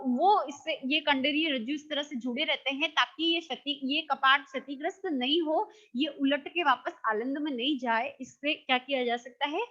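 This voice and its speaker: A woman's voice: high-pitched, bright, forceful tone, highs cut off. A woman teaching a biology class, asking questions and answering them herself, often checking that students follow and correcting her own slips. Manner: checks understanding with frequent "got it?"; self-correcting, with hesitant fillers.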